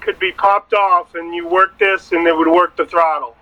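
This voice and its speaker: A man's voice: high-pitched, level tone, moderate pace, bright, forceful tone. A man chats casually as a learner, asking questions and confirming what he is told, on a muffled recording. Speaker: boat owner being taught. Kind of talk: casual question-and-answer chat. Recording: dull, muffled lo-fi sound.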